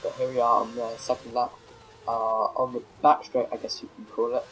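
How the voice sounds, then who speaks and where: A man commentates his racing game casually despite a cold that leaves him a bit nasal, wandering off track, correcting himself and filling in with fillers. His mid-range voice is completely flat, at normal speed and fairly bright, on a low-quality recording with slight background noise.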